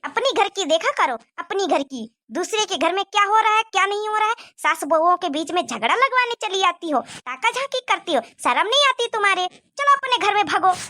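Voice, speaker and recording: A woman voicing a cheeky, sharp-tongued young daughter-in-law in a cartoon, talking back with mocking sass. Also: very high-pitched, animated, brisk, few pauses, no room sound, clean studio sound, exaggerated voice. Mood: sassy. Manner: sassy, mocking. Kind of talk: cartoon dubbing.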